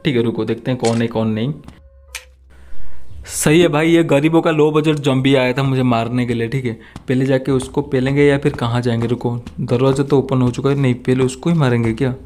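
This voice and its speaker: A man's voice: mid-range voice, steady tone, brisk, a little mellow, slight background noise. A young man giving crude, jokey horror game commentary, swearing often and muttering nervously. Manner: jumpy, frightened mutters. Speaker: gaming channel host.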